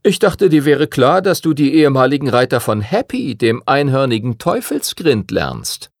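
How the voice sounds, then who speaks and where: A man reading the part of a patient older male teacher of dragon riders, speaking in a calm, measured, lecturing way. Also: mid-range voice, no room sound, clean studio sound, pitched above the performer's own voice.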